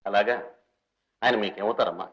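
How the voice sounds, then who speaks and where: An actor playing a grateful young doctor who speaks earnestly and respectfully, in a 1960s film. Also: male voice, lowish voice, fairly even intonation, normal speed, a bit bright, natural voice. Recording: muffled old film soundtrack with music.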